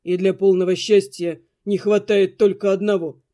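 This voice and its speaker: A woman's voice: mid-range voice, flat delivery, moderate pace, mellow, voice pushed down, natural voice. A woman doing a teasing nobleman. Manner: teasing, wry. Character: amused noble man, teasing duke.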